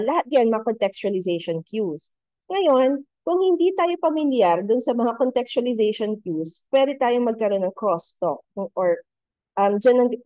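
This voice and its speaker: A woman's voice: medium pitch, a little mellow, no echo. A woman with a Filipino accent giving a university lecture, mixing English into her talk and ending phrases with questioning tags. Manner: code-switching, frequent "no?" tag questions.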